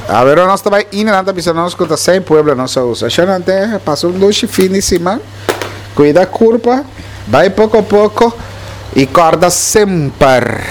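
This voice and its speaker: Animated high-voiced man rambling. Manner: animated, jumps between topics, swinging pitch. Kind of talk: rambling casual monologue.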